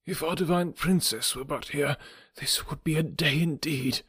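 A man's voice: a little high, normal speed, fairly bright tone, breathy edge, no room sound, studio quality, voice pushed up, full character voice. A man doing a tearful old servant. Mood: sorrowful.

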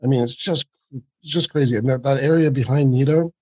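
A man hosting an interview, asking relaxed, conversational questions. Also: mid-range voice, brisk, breathy edge, dry recording. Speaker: interviewer, host. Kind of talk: casual chat, interview.

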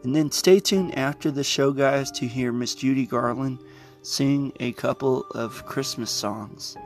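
Male podcast presenter, unhurried introduction in short broken phrases over a music bed. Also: mid-range voice. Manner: halting delivery with long pauses. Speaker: podcast host.

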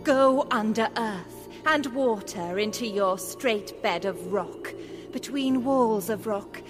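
Nimue, a slow, high-voiced vengeful enchantress. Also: female voice, faint music behind. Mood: cursing. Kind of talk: poetic audio drama.

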